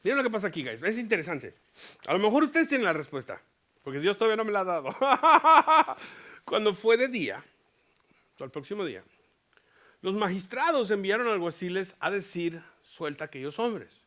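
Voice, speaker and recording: A man's voice: sits high, normal speed. A man preaching as pastor, teaching a Bible passage and dropping English words into his Spanish. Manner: animated, mixes English words into Spanish, acts out Paul's lines. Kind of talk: bilingual Bible teaching sermon. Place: US church.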